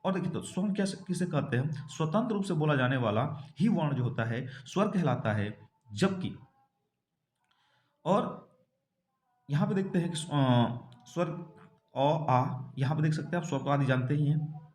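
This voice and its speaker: Lively man teaching a grammar class. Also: a little high, moderate pace, echoey room. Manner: explains step by step, asks and answers his own questions. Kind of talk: exam-prep grammar lesson.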